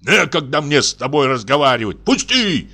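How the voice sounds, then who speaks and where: A man playing a drunk old investigator, shouting. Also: on the high side, big pitch swings, moderate pace, pitched above the performer's own voice, heavily acted. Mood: indignant. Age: 60s. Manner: blustering, shouting. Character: drunk, quick-tempered old male investigator.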